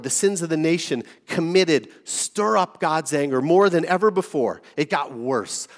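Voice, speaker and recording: A man preaching a sermon as pastor, talking in a lively, conversational way with asides to the congregation. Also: fairly high pitch.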